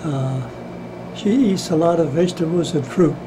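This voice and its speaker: Very old man, 90s, slightly high voice, halting conversational interviewee, noticeable background hum. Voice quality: very old man's voice. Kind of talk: casual interview. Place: indoors, small room.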